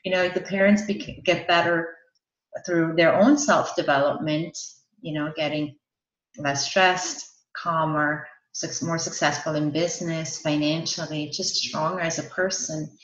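In a roomy, dull lo-fi recording, a woman with a low, steady voice speaks at a measured pace. She is an Austrian parenting coach giving interview answers on a podcast, explaining her work in an earnest way and laughing between points.

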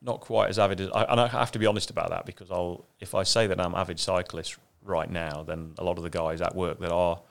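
A man's voice: sits low, steady tone, fast talker, gravelly, few pauses. A man, chatting casually as a guest, rambling and self-deprecating. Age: 50s. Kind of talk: casual chat.

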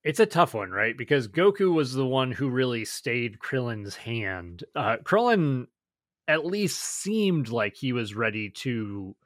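A man's voice: medium pitch, sing-song, measured pace, no room sound. Enthusiastic man in casual chat, dry sound. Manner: enthusiastic, gushing. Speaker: podcast co-host.

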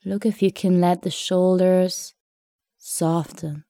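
A woman guiding a meditation in a soft, soothing, unhurried way, leaving long pauses between phrases. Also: lowish voice, fairly even intonation, no room sound, studio quality. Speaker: meditation guide. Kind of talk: guided meditation narration.

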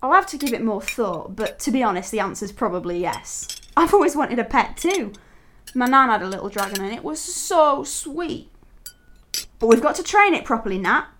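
A woman's voice: fairly high pitch, lively intonation, moderate pace, fairly bright tone, a little hiss or hum. A British woman playing a homesick, tender mother working far from her family in an audio drama. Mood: considered, warm.

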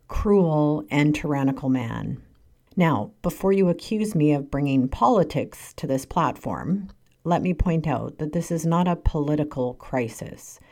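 Canadian woman in her 40s, low mellow voice, earnest measured read. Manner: earnest, measured reading with emphatic stresses. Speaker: podcast host. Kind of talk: scripted personal monologue.

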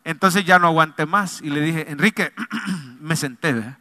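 Bright-voiced pastor preaching. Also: male voice, on the high side, normal speed, dry recording. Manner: humorous, confiding, addresses congregation directly. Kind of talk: sermon with personal storytelling.

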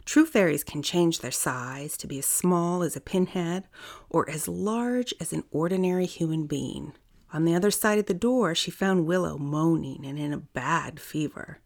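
A woman reading a children's story aloud in a calm, unhurried way. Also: deep voice, creaky.

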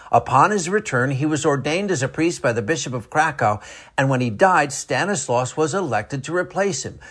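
Higher-pitched, husky male scripted narrator. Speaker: meteorologist presenting a saint of the day segment.

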